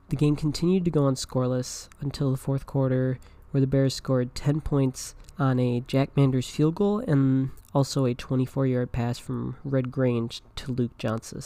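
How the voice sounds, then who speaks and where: A man's voice: mid-range voice, warm tone, no echo. A man hosting a podcast, narrating casually and reading a story aloud. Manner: casual and conversational. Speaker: podcast host.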